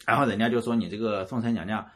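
A man from rural Shandong telling a personal story in a casual, animated way. He often repeats words and chuckles at himself. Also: lowish voice, fast talker. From Shandong, rural China.

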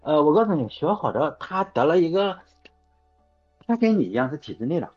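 A man's voice: fairly high pitch, very animated, fairly quick, breathy edge. A man hosting a casual chat show, rambling through anecdotes and correcting himself as he goes. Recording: dull lo-fi sound with faint music.

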